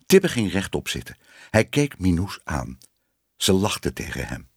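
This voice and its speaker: Male audiobook narrator, very animated pitch, dry close recording. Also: a little slow, breathy edge, no echo. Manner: expressive storytelling voice. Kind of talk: audiobook reading of a children's story.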